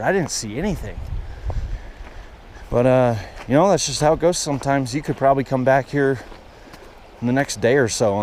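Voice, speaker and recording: Excitable man vlogging by a stream. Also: mid-range voice. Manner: excitable, talks straight to viewers. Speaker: fishing vlogger. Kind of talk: casual outdoor vlog narration. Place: outdoors by a mountain stream. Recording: outdoor footage with steady stream noise.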